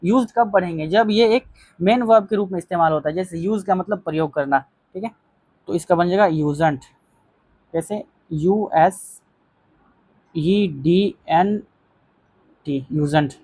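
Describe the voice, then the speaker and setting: A patient grammar teacher walks through quiz questions, saying each rule twice and dictating example sentences word by word. The voice sits at an ordinary middle pitch. It is recorded dry and close, with no room around it. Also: darkish tone, slightly rough, dry recording. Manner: repeats key phrases, reads example sentences slowly; addresses viewers as friends. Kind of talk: explanatory grammar lesson.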